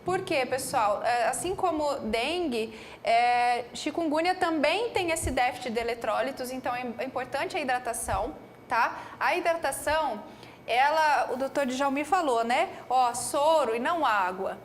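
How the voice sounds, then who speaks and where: Brazilian woman pharmacist lecturer with a high voice and an animated, chatty delivery. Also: normal speed, slight background noise. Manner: animated, peppers speech with "né" and "tá".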